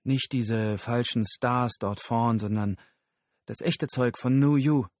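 A man's voice: medium pitch, slow pace, dry recording, clean studio sound, natural voice. Man voicing a tense, wary fugitive. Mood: urgent. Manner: tense, urgent, hushed. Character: wary male fugitive chemist.

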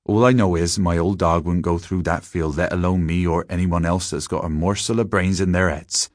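A man's voice: low voice, steady tone, moderate pace, no room sound, studio quality, lightly acted. A man voicing an old country shepherd with a rural English accent, grave and plain-spoken, giving folksy, emphatic warnings in a storybook reading.

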